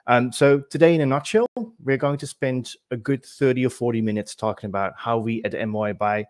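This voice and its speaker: A man's voice: mid-range voice, fairly even intonation, brisk, no room sound, studio quality. A man in his forties, originally from the Netherlands, giving a webinar presentation in a conversational way with fillers and self-corrections, on a video call mic. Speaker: webinar speaker. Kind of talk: presentation talk.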